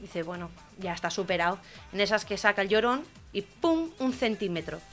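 A woman's voice: mid-range voice, moderate pace, faint music behind. Woman telling jokes on radio. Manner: lively joke-telling, acting out characters loudly. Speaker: radio comedy host.

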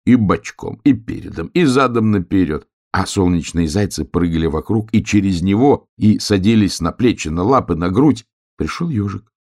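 A man narrating a children's story in an expressive, lilting reading. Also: low-pitched, normal speed, hardly any pauses.

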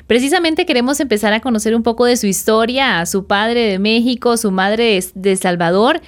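A woman's voice: on the high side, normal speed. Courteous woman interviewer on radio. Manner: courteous, with short affirming replies.

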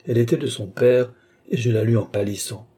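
A grieving young woman, voiced by a male audiobook reader, confides her past. The tone is mellow and soft-edged, with a husky grain. The reading stays measured and confessional throughout. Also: medium pitch. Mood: remorseful.

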